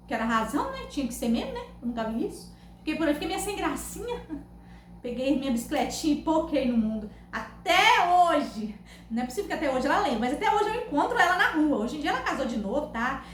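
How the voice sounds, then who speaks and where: A woman with a Brazilian Portuguese accent, telling funny stories to her camera in a loud, animated, laughing way. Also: high-pitched, fast. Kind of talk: casual storytelling to camera. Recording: echoey room, faint background noise.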